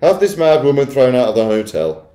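A prim storybook wife, acted out by a man, pitched far up and shrill. She is imperious and easily horrified, her lines swooping in an echoey room. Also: very animated, a little fast, dark tone, lightly acted. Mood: haughty, dismissive. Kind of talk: children's storybook character voice.

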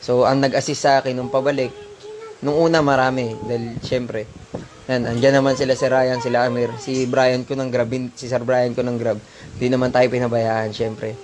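A man's voice: medium pitch, flat delivery, moderate pace, a little mellow. A man, a delivery rider, telling viewers in a casual, emphatic way what happened to him. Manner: emphatic storytelling, addressing viewers as sir and bro. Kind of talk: casual first-person account.

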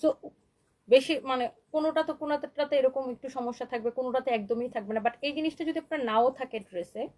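Selling dresses live from her online boutique, a high-voiced woman reads viewer comments as she pitches. Her tone is darkish and her pace fairly quick. She chats in Bengali sprinkled with English, constantly checking "okay?", and the recording is low quality.

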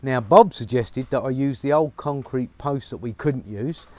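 A man's voice: medium pitch, moderate pace, warm tone, no echo. Chatty middle-aged man outdoors. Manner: chatty, upbeat, many fillers. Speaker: vlogger on his farm. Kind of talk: casual vlog narration to camera. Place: outdoors on a rural farm, rainy. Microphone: lapel mic.

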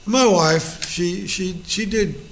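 A man's voice: high voice, takes it slowly, slight background noise. A middle-aged male pastor leading a Bible study, folksy and joking, acting out little quotes.

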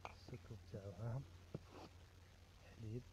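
A man's voice: fairly low pitch, fairly even intonation, normal speed, heavy background noise. A man with an Algerian Arabic accent showing off coffee sets and cups in his shop, repeating each item and its price in a casual, chatty way. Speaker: shop seller. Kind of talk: casual product showcase.

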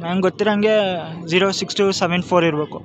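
Young man, train vlog commentary, rapid delivery, loud rail noise. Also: high voice, steady tone. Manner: reels off train numbers and routes, with restarts. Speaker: train travel vlogger. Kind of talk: casual on-board commentary. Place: open door of a moving train at busy stations.

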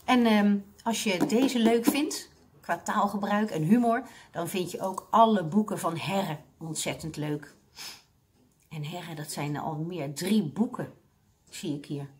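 A woman working as a library reading consultant, reading a children's book aloud with expressive storytelling. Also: on the low side, a little slow, slight background noise.

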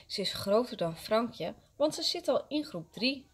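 A kindergarten teacher, a woman, reading a story aloud to young children with expressive, gentle storytelling. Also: fairly high pitch, unhurried, breathy edge.

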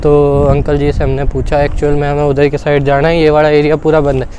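Chatting casually on a walking vlog at an open fort ruin, a travel vlogger from India in his twenties addresses his viewers as "brother" in colloquial, informal speech. His voice is on the high side, monotone and warm, and he talks fast. The clip-on lapel mic gives clear sound with outdoor noise behind him.

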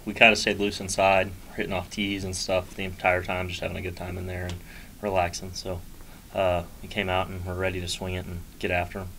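A man's voice: low-pitched, completely flat delivery, fairly quick, sharp tone, a little hiss or hum, poor audio. A young man, a college baseball player, giving easygoing, brief answers at a postgame press conference. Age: young adult. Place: small press room in front of a sponsor backdrop.

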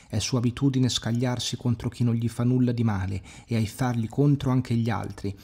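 A husky-voiced man voicing a young prince who speaks bluntly and firmly. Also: medium pitch, steady tone, moderate pace, warm tone. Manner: blunt, reproachful.

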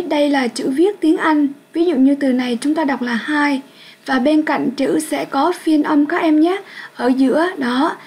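A young woman with a high-sitting voice teaches an English lesson in two languages, explaining things patiently to her pupils. She speaks to them warmly and checks that they follow, though the audio quality is poor.

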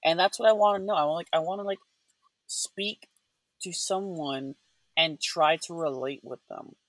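A man with a fairly high voice talks through his thoughts as a podcast co-host, circling back and searching for words. The sound is dry and close, with no room around it. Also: a little fast, fairly bright tone, no echo. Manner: thoughtful, rambling, many fillers and restarts. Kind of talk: casual chat.

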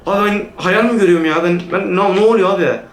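A man's voice: high-pitched, fast talker. A man giving jumpy, swearing commentary on a horror game to his viewers. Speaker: gaming YouTuber. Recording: roomy room with background music.

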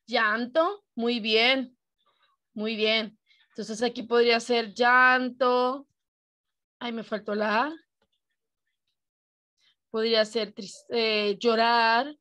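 A woman's voice: a little high, fairly even intonation, drawn-out words, long pauses, fairly bright tone. A woman teacher with a Mexican accent giving an online class over a video call, explaining patiently and often asking her students questions.

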